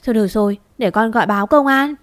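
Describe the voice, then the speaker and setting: A woman's voice: a little high, fast, natural voice. A woman voicing an anguished, insistent grown daughter. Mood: urgent. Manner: urgent, reproachful questioning.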